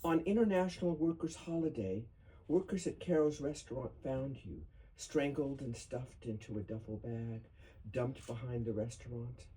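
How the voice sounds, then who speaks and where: A man giving a solemn poetry reading at a memorial, with deliberate, emphatic phrasing. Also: mid-range voice, dark tone. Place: bookstore reading event before a small audience. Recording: noisy live room recording.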